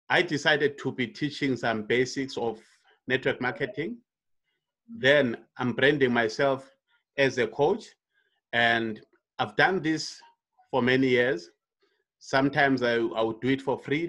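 A man in his fifties, a network marketing coach, giving an online coaching presentation in an unhurried way, with frequent fillers and restarts. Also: mid-range voice, fairly bright tone. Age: 50s. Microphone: computer mic on a video call.

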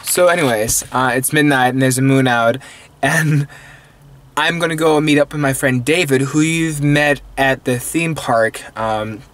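Filming on a phone at arm's length in a parked car late at night, a vlogger in his twenties who isn't a native English speaker rambles and playfully mocks himself. He speaks at a measured pace in a mid-range, fairly bright voice, with a little hiss or hum.

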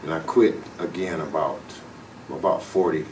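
A man's voice: very deep voice, fairly even intonation, normal speed, a little mellow, recorded from a distance, a little hiss or hum, poor audio. A man in his fifties giving an interview testimony, recounting plainly with hesitations. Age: 50s.

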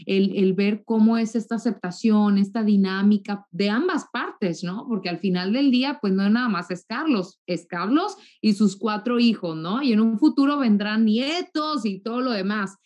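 Northern Mexican woman, 30s, relaxed chatty guest on a webcam call. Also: mid-range voice, normal speed, few pauses. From Mexico, raised in Monterrey. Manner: warm chatty, repeats words when restarting. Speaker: guest, TV journalist. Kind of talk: casual interview chat. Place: home room, indoors. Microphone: video call webcam.

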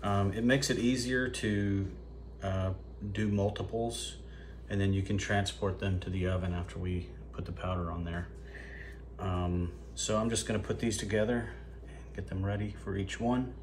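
A man's voice: low-pitched, fairly even intonation, normal speed, slight background noise. A man casually explaining a hands-on craft step by step, with frequent ums and uhs. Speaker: lure-making video host. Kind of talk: casual how-to demonstration. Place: indoors at a tabletop workspace.

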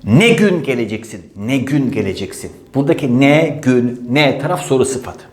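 A man's voice: mid-range voice, animated, normal speed. A man teaching grammar in an exam-prep lesson, emphatic, repeating key rules and voicing his students' questions. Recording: echoey room.

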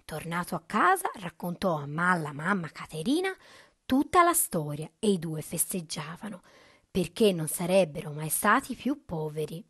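A young woman reading a fairy tale aloud to children with an expressive, husky voice that drops to whispers. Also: fairly low pitch, normal speed. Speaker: children's storyteller.

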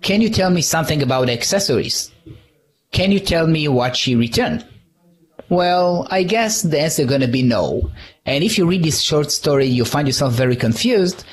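A man's voice: fairly high pitch, expressive, moderate pace. A man giving a live conference talk, conversational, checking in with "all right?" and often restarting words. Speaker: conference speaker.

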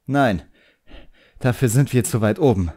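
A man reading an audiobook, voicing an agitated young apprentice magician boy who shouts indignantly. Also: mid-range voice, unhurried, breathy edge, pitched above the performer's own voice. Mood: dismissive.

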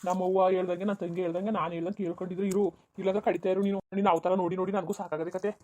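A bossy, quick-tempered village husband, as a performer voices him in a cartoon quarrel. He berates his wife. His words tumble out at a rushing speed. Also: mid-range voice, little pitch movement, close to an everyday voice. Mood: angry berating. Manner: shouting, berating, rapid. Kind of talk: cartoon voice acting.

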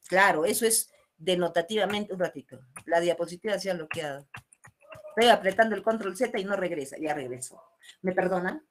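A woman's voice: lowish voice, brisk, a little hiss or hum. A woman teaching literature in an online class, explaining with rhetorical questions and repeating key phrases. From Peru.

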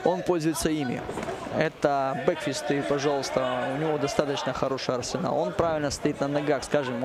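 A man giving live MMA commentary, halting at times and repeating phrases for emphasis. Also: a little high. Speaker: fight commentator. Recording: music and crowd noise behind. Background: arena music and crowd.

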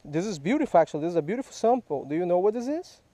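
A fishing vlogger with a high, sing-song, mellow voice talks very fast as he patiently coaches and quizzes a child beside a small creek in a park. It's a casual teaching chat recorded dry on a head-mounted action camera.

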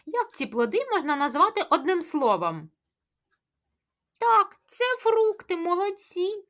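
A woman teaching a speech lesson to preschoolers, asking questions, answering them herself and chanting tongue twisters slowly. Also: very high-pitched, big pitch swings, fairly bright tone. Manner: sing-song, drawn-out tongue-twister chanting. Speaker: kindergarten teacher.

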